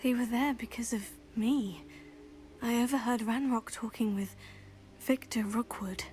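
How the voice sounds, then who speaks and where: A woman's voice: on the high side, steady tone, measured pace, darkish tone, slight background noise, lightly acted. An actress playing a curious, determined teenage witch student in a video game, with a polite, self-assured manner. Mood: serious. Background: background music.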